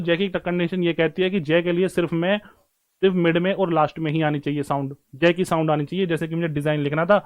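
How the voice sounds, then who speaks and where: A man teaching stenography in a live class, with a high, light voice. He talks to his students like brothers and friends, easygoing and repetitive, showing them step by step how to write each shape. His delivery is a casual teaching style rather than formal. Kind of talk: online class lesson.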